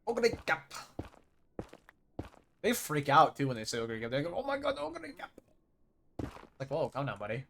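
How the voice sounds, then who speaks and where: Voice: medium pitch, slight background noise. A streamer rambling and thinking aloud over live gameplay in casual chat.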